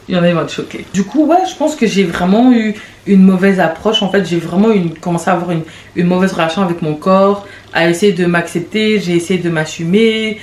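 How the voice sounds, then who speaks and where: A woman's voice: fairly low pitch, a little mellow. Chatty woman in an echoey room. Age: late 20s. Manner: chatty, rambling, quick restarts and laughs. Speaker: podcast host. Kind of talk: casual confessional monologue. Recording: echoey room with faint background noise.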